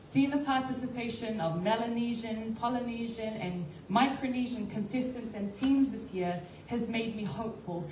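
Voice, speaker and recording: A woman's voice: fairly high pitch, normal speed, few pauses, a little mellow. A woman from Samoa delivering a formal, poised and ceremonial prepared speech as a pageant contestant. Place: indoor event hall on a stage. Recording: echoey hall, distant mic, faint noise.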